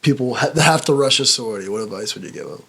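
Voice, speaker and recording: A twenty-two-year-old man interviewing friends, casual and relaxed, sometimes searching for the right word. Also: mid-range voice, very fast, slightly rough. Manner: relaxed, hesitant, searches for words.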